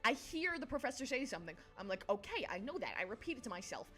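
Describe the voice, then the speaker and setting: Fast and very animated, a young adult streamer chats casually with her audience in a somewhat high, slightly bright voice. She giggles a lot, comes across as scatterbrained, and keeps switching topics.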